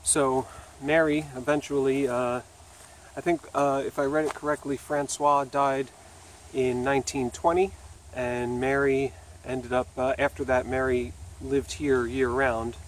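A man in his thirties talks into a handheld camera on a wooded riverside trail. He is chatty and loose, thinking aloud with fillers and restarts, at a middling pitch, with faint open-air sound behind him. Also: level tone, a little slow, a little hiss or hum. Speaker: video host exploring ruins. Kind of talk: casual walking vlog narration. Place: outdoor woodland trail by a river. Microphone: camera held at arm's length.

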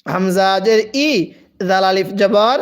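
His voice sits high and steady, a little slow, with a clear, resonant tone. Teaching Quran reading live, he spells out the letters and vowels, draws out every word, and presses listeners to read aloud with him, call-and-repeat fashion.

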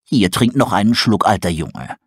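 A man voicing a brisk male owl who talks in a gruff, practical way. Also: lowish voice, expressive, no room sound. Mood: gruff, coaxing.

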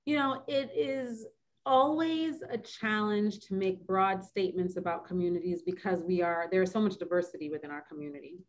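A woman physician, the guest in a webinar interview, speaking earnestly and reflectively with frequent pauses and restarts. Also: medium pitch.

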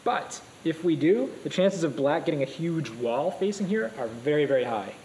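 A man giving a live lecture on a board game to a class, energetic and quizzing students with questions. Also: fairly high pitch, normal speed, slight background noise, poor audio. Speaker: go teacher.

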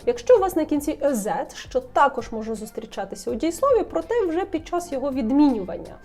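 A young woman teaching French pronunciation, repeating example words slowly and checking in with the viewer. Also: sits high, very animated, a little mellow, soft background music. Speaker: French tutor. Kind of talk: language lesson, modelling pronunciation.

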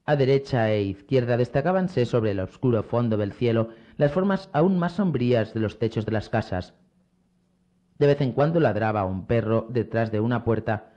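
Expressive man narrating an audiobook. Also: mid-range voice, lo-fi sound. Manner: expressive storytelling reading. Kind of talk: scripted narration.

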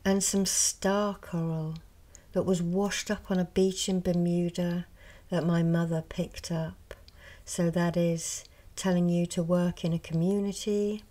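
A middle-aged woman who is a reiki healer gives a soft-spoken ASMR show and tell, speaking slowly and softly, partly whispering, with a voice on the low side and a little hoarse from a cold. She is indoors at a table, recorded with a close mic over the tabletop.

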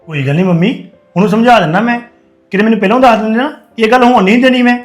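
A man's voice: sits high, rapid-fire, faint music behind, lightly acted. A man playing a married son who reassures his mother and vows to set his wife straight. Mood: reassuring. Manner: reassuring, firm.

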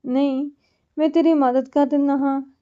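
A woman's voice: high voice, flat delivery, normal speed, lo-fi sound, close to an everyday voice. A woman voicing a lecherous, lying brother-in-law in a storybook reading, in a smug, dismissive manner. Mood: wheedling.

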